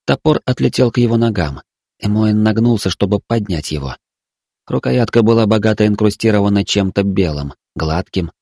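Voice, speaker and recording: Male audiobook narrator, low voice, dry close sound. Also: darkish tone, no echo. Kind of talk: audiobook reading.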